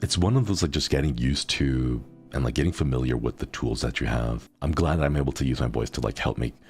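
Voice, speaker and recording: A man's voice: a bass voice, a little fast, faint music behind. A man in his thirties chatting casually on a livestream, rambling along with lots of "like" fillers. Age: 30s. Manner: relaxed rambling with frequent "like" fillers. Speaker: streamer.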